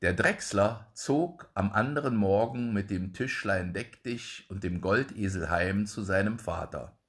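A man reading a fairy tale aloud in a slow, expressive way. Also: on the low side, husky. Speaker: storyteller.

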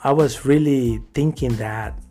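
A man's voice: medium pitch, a little slow, soft background music. A man from Mexico, a podcast guest telling his faith story in casual, earnest talk and acting out what people said. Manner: earnest, animated storyteller who acts out quoted dialogue.

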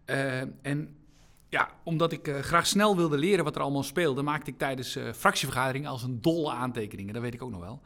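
A man in a relaxed conversation, reflecting on his past work with frequent hesitations. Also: medium pitch, fast. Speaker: former parliamentarian, guest. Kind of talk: casual conversation.

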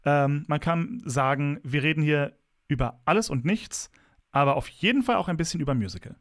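Lively, theatrical man co-hosting a podcast. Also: on the high side, moderate pace, no echo, clean studio sound. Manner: theatrical, emphatic, exaggerated politeness. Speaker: podcast co-host. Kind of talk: casual chat.

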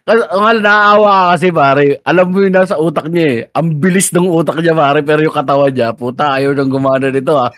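A man's voice: on the high side, steady tone, brisk, a bit bright, dry recording, studio quality. A man co-hosting a podcast in casual chat, loose and laughing, swearing freely. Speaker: podcast co-host.

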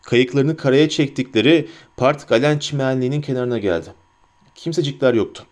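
A man's voice: medium pitch, brisk, a little mellow. A man narrating a story as an audiobook reader. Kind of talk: scripted narration.

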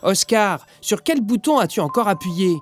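A man voicing an excitable, bossy young girl, the big sister in a children's storybook. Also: high-pitched, normal speed, music in the background, voice pushed up. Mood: scolding. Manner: excited, exclaiming.

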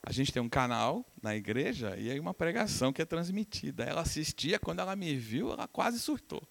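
A middle-aged pastor from Brazil preaching to his congregation, swinging his voice up and down as he acts out the people in his stories. His voice sits a little high, and his tone is bright and forceful. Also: a little fast, gravelly. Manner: animated, acts out quoted voices, laughs with the congregation. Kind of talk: sermon with storytelling.

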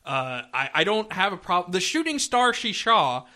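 Bright-voiced man chatting casually. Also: high voice, sing-song, moderate pace. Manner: rambling, lots of restarts and fillers. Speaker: podcast co-host. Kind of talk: casual chat.

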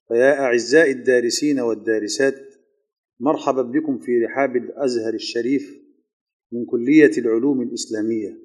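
A man opening a recorded grammar lecture in a formal, measured classical style. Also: mid-range voice, a little mellow.

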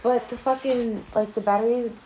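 A woman in casual chat, blunt and quick to swear, trailing off into mumbles. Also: fairly high pitch, fairly even intonation, background noise. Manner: blunt, swears freely, drifts from loud to mumbled.

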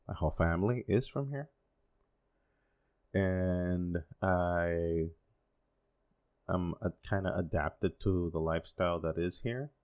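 Speaking slowly with frequent pauses, a man in his forties from the Dominican Republic hosts a solo podcast in a low, smooth, slightly mellow voice. A native Spanish speaker, he rambles with many fillers and wry, sarcastic, self-deprecating asides.

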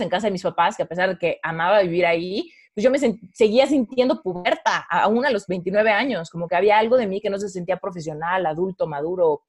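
A Mexican woman in her thirties, speaking as a podcast guest. She tells her story in a loose, conversational way. She livens it up by acting out what she once thought and said. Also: mid-range voice. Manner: animated, acts out her own past thoughts in quotes.

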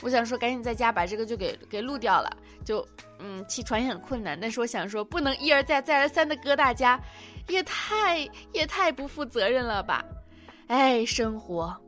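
A bright, higher-voiced young woman chats through a cozy home podcast, giggly and self-mocking. Soft music plays faintly beneath her voice. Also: lively intonation, moderate pace. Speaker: podcast host. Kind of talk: casual personal radio chat.

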